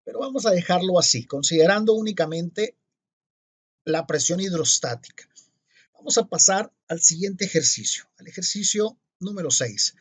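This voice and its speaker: A man's voice: high-pitched, lively intonation, husky. A man teaching physics, working through exercises step by step and spelling out each calculation. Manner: deliberate, spells out each calculation and checks itself.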